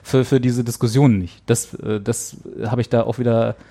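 A man's voice: medium pitch, fairly even intonation, moderate pace, warm tone. A man hosting a casual talk show, rambling thoughtfully with many fillers and restarts. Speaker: show host. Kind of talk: casual chat.

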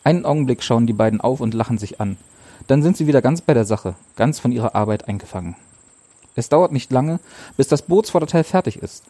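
Male audiobook narrator, measured, mid pitch, warm tone, close and dry. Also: lively intonation. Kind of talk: scripted narration.

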